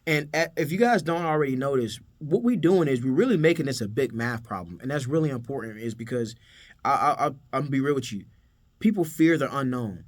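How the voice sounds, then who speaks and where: A man's voice: mid-range voice, animated, a little fast. A man giving a casual, emphatic motivational business talk, speaking slangy and calling the viewer bro. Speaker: photo booth business owner and coach.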